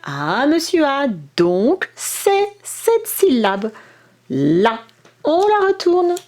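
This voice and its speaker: A woman teaching parents how to run a syllable dictation. She talks slowly and deliberately, drawing out every sound for the children. Her pitch moves about in a lively, animated way. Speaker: kindergarten teacher. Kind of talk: instructional video for parents.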